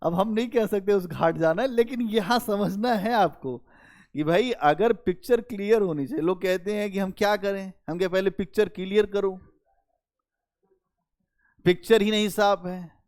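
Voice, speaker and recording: A male history teacher giving a lively, conversational classroom lecture and talking straight to his students. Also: sits high, normal speed. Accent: Hindi-speaking North Indian. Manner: animated, conversational, addresses students directly.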